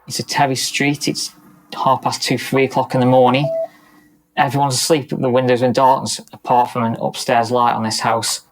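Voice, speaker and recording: A middle-aged man, a police officer recounting a night shift in a documentary interview, in a steady, matter-of-fact way. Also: medium pitch, normal speed, a little hiss or hum, rough recording.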